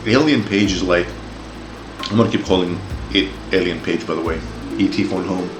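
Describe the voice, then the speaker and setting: A Greek-born man in his forties, raised in Australia and speaking Greek-Australian English, delivers a heated opinion rant in a low voice at a moderate pace. He swears and stumbles into repeated words when riled, and the rough recording is echoey, with music underneath.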